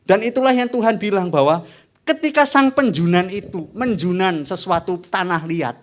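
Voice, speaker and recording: A young man preaching a sermon in church, animated and asking the congregation questions. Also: sits high, normal speed. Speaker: evangelist preacher.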